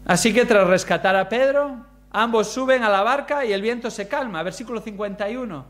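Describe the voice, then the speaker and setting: A man preaching a sermon, expressive, using rhetorical questions and shifting pace for emphasis. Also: high-pitched, brisk.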